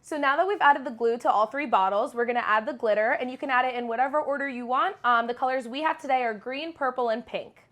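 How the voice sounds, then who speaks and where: A woman's voice: high voice, quick pace, few pauses, a bit bright. A young woman hosting a kids' craft video, explaining step by step in a bubbly, chatty way at home. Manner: bubbly, giggly, chatty with a small child. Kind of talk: instructional craft demo for kids.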